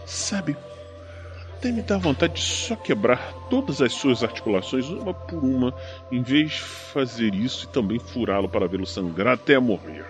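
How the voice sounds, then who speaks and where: Male actor as vengeful crime-drama enforcer: sardonic, deliberate threats, mid-pitched, music underneath. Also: very animated, lightly acted. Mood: cold menace. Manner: taunting, sardonic, foul-mouthed, deliberate. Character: menacing, vengeful male enforcer avenging his brother. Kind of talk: crime audio drama acting.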